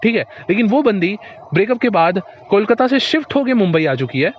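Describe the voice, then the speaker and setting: A man delivers a motivational monologue in a casual, direct manner, speaking to the listener as a friend and circling back over his points. His voice sits a little high. The recording is dull and lo-fi. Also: big pitch swings, a little fast, slight background noise.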